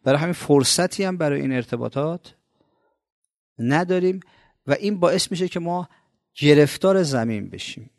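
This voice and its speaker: Male preacher from Iran, gravelly, conversational sermon with emphatic swells and rhetorical questions. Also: fairly high pitch, lively intonation, long pauses, no echo, clean studio sound. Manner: emphatic, rhetorical questions, sudden loud rises then soft asides. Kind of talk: colloquial religious sermon.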